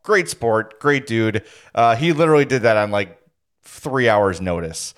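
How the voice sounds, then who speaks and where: A man's voice: on the low side, measured pace, clean tone. An American man hosting a sports talk show in a casual, conversational style.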